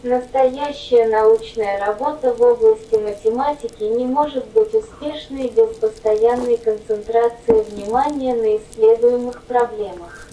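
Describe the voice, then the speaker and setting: A female text-to-speech robot voice reading autobiographical notes in an even, mechanical way. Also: on the high side, measured pace, hardly any pauses, reverberant, distant mic, slight background noise, poor audio.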